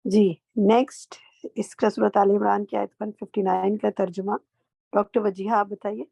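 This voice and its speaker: A woman teaching a Quran translation class online, calling on students and gently correcting their pronunciation. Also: medium pitch, level tone, gravelly, husky, dry recording.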